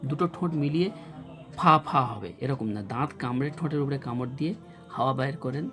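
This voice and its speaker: A man teaching Quran reading, drilling Arabic letters slowly with many repetitions. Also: mid-range voice, over music. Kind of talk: slow recitation lesson.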